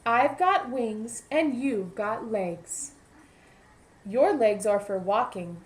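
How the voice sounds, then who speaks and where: Woman voicing cocky bumblebee, high-pitched, dismissive, blunt, children's storybook. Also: lively intonation, slow pace. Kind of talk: storybook read-aloud for young children.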